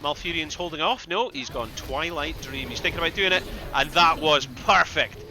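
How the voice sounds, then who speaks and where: A man giving excitable live play-by-play commentary on an esports match, with bursts of loud exclamations. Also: fairly high pitch, normal speed, noisy background. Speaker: esports caster.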